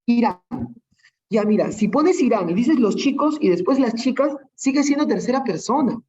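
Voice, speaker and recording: In an online lesson, a teacher with a Peruvian Spanish accent patiently goes through example after example, often checking in with tag questions. The mid-range voice is animated and darkish at a moderate pace, over dull audio with a little hiss or hum.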